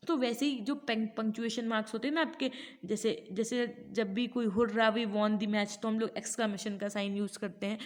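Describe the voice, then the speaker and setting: A woman teaching an online teacher-training class, explaining step by step and often asking her students to answer. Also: on the high side.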